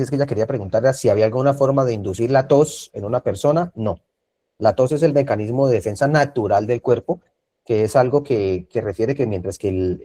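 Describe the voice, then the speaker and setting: Man teaching first aid on a video call, mellow voice. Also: mid-range voice. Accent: Colombian Spanish. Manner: repetitive, checks in with frequent tag questions. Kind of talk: online class lecture.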